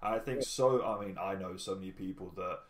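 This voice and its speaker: A man's voice: deep voice, a little fast, reverberant. A man hosting a casual podcast, talking bluntly with lots of swearing and acting out imagined bits of dialogue as he rambles. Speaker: podcast host.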